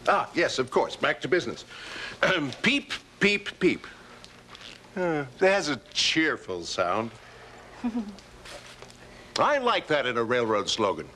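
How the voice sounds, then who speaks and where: An actor playing a genial, folksy railway official who thinks aloud, in children's television. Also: male voice, medium pitch, wildly swooping pitch, measured pace, pauses often, sharp tone, a little hiss or hum, full character voice. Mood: genial, amused.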